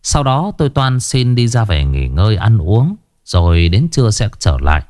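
A man narrating a ghost story in the first person, dramatic and expressive, dwelling on grim details. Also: fairly low pitch, normal speed, no echo, studio quality.

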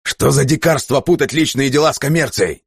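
A man voicing a greedy, excitable male ship captain who pleads and shouts in a high, straining voice. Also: brisk, gravelly, slightly rough, no echo, clean studio sound. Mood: insistent. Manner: shrill, pleading, rising to shouts.

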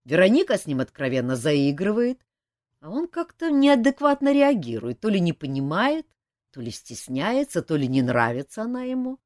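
A woman voicing a weary, blunt young king who grumbles in a gruff way. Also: sits high, very animated, moderate pace, a little mellow, no echo, studio quality, pitched above the performer's own voice. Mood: grumbling.

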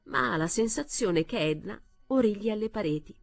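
A woman reading a short story aloud as narrator, in a measured and expressive way. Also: medium pitch, vocal fry, dry recording, studio quality. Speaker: reader.

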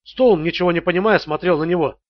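A man narrating an audiobook thriller in a steady, measured reading. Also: high voice, no room sound. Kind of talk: scripted narration. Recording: dull, dry audio.

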